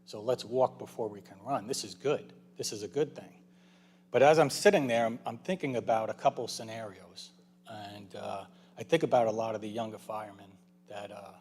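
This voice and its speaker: A man with a light New York accent gives public comment at a town council meeting. His voice sits somewhat low, and he talks in a loose, conversational way, restarting phrases and adding asides. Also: darkish tone.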